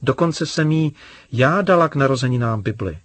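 A man's voice: mid-range voice, animated, fairly bright tone, no echo, voice pushed up. A man voicing an indignant, hurt young girl who talks in a complaining, sulky way. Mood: defensive.

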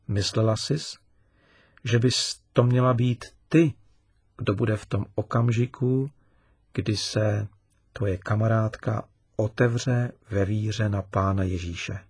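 A man's voice: fairly low pitch, breathy edge, no room sound. A man playing a kind, patient father. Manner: calm, kindly explaining, lively emphasis.

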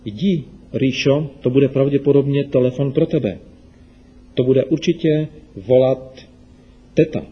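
A man voicing a patient, gentle mother in a children's radio story. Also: medium pitch, pauses often, husky, highs cut off, lightly acted.

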